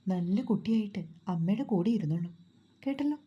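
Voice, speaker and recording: A woman voicing a tender, protective young husband in a storybook reading, speaking gently and soothingly. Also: medium pitch, expressive, brisk, slightly rough, muffled recording.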